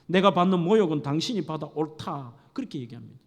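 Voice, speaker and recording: A man's voice: a little high, animated, fast. A middle-aged male pastor preaching a sermon with dramatic storytelling, acting out scenes. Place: church sanctuary. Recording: echoey church hall.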